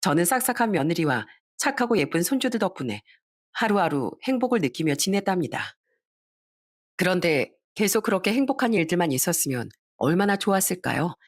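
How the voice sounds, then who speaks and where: A woman's voice: on the low side, very animated, a little fast. An older woman narrating a personal family story in a confiding, storytelling way.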